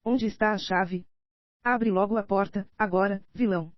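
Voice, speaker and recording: A Brazilian woman voicing a frightened, desperate young woman in an audiobook, in her own steady reading voice, dry and a little dull. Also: mid-range voice, moderate pace, no room sound, natural voice. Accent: Brazilian Portuguese.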